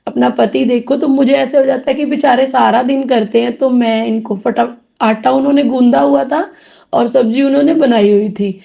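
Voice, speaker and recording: A woman's voice: a little high, vocal fry. A woman giving a rambling, heartfelt devotional testimony, full of thanks, recorded dull and lo-fi.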